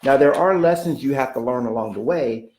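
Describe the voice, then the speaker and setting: A man's voice: mid-range voice, a little fast, darkish tone, echoey room. A man giving a motivational coaching talk, emphatic and repetitive, often checking in with "okay?" and speaking of God in a preacherly way. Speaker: real estate coach.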